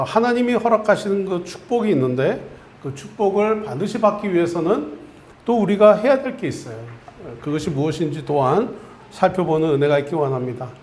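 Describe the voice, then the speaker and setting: A man's voice: on the high side, darkish tone. A male pastor preaching a Sunday sermon, telling a story to his congregation and leading them in repeating a phrase. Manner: storytelling preacher, leads congregation in call-and-response. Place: church sanctuary. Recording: echoey church sanctuary.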